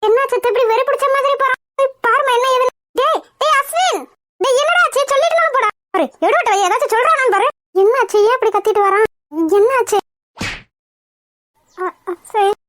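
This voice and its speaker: A woman's voice: a little fast, fairly bright tone, no echo, studio quality. A woman voicing a protective, scolding mother in a cartoon. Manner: scolding, shrill. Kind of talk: Tamil cartoon voice acting.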